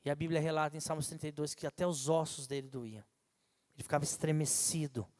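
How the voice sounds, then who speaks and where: A man pastor preaching a sermon to his church in a conversational, animated way. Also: fairly high pitch, quick pace. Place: church sanctuary. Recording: long hall reverb from a church.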